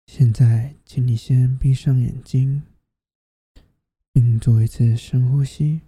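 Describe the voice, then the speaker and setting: A host narrating a guided sleep meditation like a sleep story narrator, in a soft, soothing, half-whispered delivery. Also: mid-range voice, steady tone, slow pace, breathy edge, no room sound.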